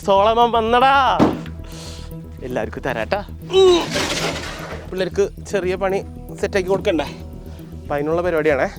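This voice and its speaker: Teasing high-voiced man hosting. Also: big pitch swings, normal speed, long pauses, loud music behind the voice. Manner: playful and teasing, hypes contestants with sung sound effects. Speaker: host running an ice sofa challenge. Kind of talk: lively challenge-video hosting.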